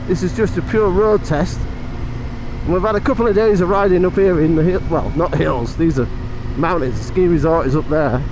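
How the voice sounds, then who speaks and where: A man with a fairly high-pitched voice talks casually while riding a motorbike. He thinks aloud in a chatty, unscripted reviewer's style. Wind and road noise are clearly heard on his helmet mic. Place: outdoors, riding a motorbike on mountain roads.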